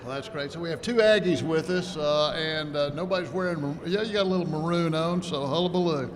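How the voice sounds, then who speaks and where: A man's voice: a little high, brisk, a crowd in the background. A man hosting a conference interview, chatty and joking. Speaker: host. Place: conference hall, indoors. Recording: noisy reverberant hall.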